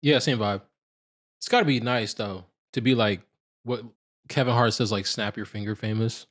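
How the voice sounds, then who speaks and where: A man's voice: medium pitch, moderate pace, fairly bright tone. Male podcast co-host, casual banter, teasing, slangy, mid-range voice. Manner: laid-back, teasing, slangy. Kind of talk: casual banter about fashion and basketball.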